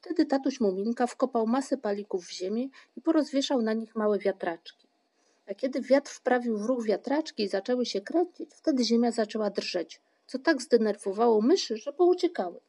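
A woman's voice: on the high side, expressive, moderate pace, mellow. Storybook: a clever, kindly young wanderer who explains things patiently, voiced by a woman.

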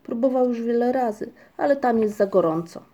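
An easygoing young troll wanderer who spins tall tales in a matter-of-fact way, as a woman reads him. The voice is mellow and warm, slightly lifted above the reader's own. It is a storybook character in an audiobook. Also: fairly high pitch, animated, brisk, voice pushed up, close to an everyday voice. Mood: calm storytelling.

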